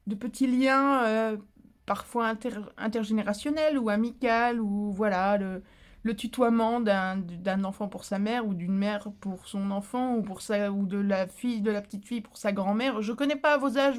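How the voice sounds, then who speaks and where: A woman vlogger chatting casually about crafting, talkative and lively, with many fillers, restarts and playful indignant asides. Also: fairly high pitch.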